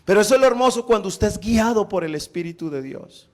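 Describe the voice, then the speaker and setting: A male pastor preaching a sermon, telling a story with animated delivery. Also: high voice, fast talker.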